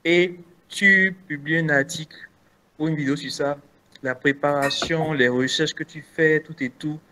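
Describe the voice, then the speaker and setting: A man's voice: a little high, steady tone, normal speed, background noise. A man with a Beninese French accent answering interview questions casually as a guest content creator, hesitant with many restarts.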